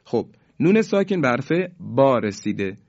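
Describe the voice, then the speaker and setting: A man's voice: medium pitch, very animated, a little mellow. Man teaching Quranic recitation, lo-fi. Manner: slow, drawn-out demonstrations of recited words. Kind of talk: Quranic tajweed lesson.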